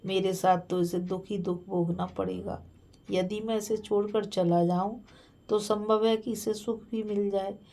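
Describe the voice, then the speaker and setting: A grieving king weighs whether to leave his sleeping wife, voiced by a woman narrating the tale. His thoughts come out slow and sorrowful, at a middling pitch. The pace is very unhurried. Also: level tone, dark tone, lightly acted. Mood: torn, grieving.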